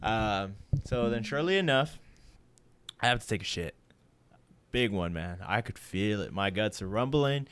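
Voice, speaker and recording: A man in his twenties, co-hosting a casual chat and telling a crude story in an animated way, swearing and laughing as he goes. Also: lowish voice, normal speed, a little hiss or hum. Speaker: podcast co-host.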